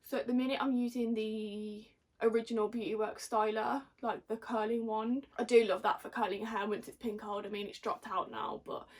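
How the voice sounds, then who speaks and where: A woman's voice: medium pitch, husky. A young Englishwoman chatting casually to camera in a giggly, tipsy, rambling and slangy way. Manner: rambling, slangy, self-mocking. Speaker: vlogger.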